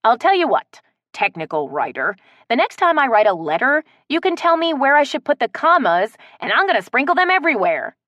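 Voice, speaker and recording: A woman's voice: high-pitched, fairly quick, no echo, muffled recording, voice pushed up. A woman voicing a protective, hot-tempered tree-climbing woman who barks orders like a drill sergeant. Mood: clenched anger. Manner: commanding, strained calm.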